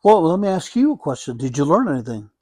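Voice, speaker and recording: A man speaking as a hospice nurse in a conversational interview, reflecting haltingly and often repeating and rephrasing his phrases. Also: fairly high pitch, very animated, mellow, no room sound.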